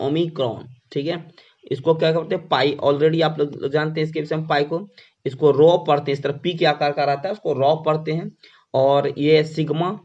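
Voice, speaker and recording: Male teacher asking and answering, lo-fi sound. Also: on the high side. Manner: explains slowly, asks questions and answers them himself. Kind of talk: classroom lecture. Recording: dull lo-fi sound.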